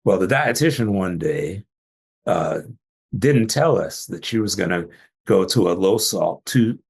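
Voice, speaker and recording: Low, gravelly-voiced older man. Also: expressive, unhurried. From Jamaican family, trained in Atlanta. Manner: storytelling, laughs often. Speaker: physician guest. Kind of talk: casual interview talk.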